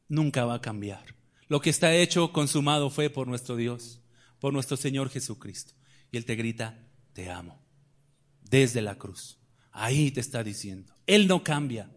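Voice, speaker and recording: A man with a mid-range voice preaches a sermon, firing off rhetorical questions and swinging between loud declarations and quiet asides.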